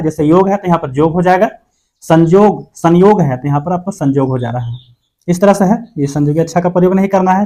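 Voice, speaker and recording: A man with a fairly high voice leads an exam-prep language lesson. He explains each point step by step and says the example words slowly so the viewer can follow. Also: dark tone. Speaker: teacher.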